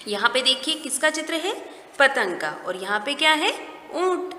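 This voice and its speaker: A woman teaching a recorded lesson to young children, explaining each step slowly and asking simple questions along the way. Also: sits high, sing-song, pushed and bright, faint music behind. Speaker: primary school teacher. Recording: echoey room with long reverb.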